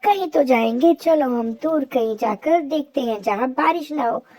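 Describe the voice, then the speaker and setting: A woman's voice: sits high, expressive, moderate pace, mellow. A woman voicing a worried, tearful mother sparrow in a cartoon story, talking in an anxious, pleading way. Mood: urgent.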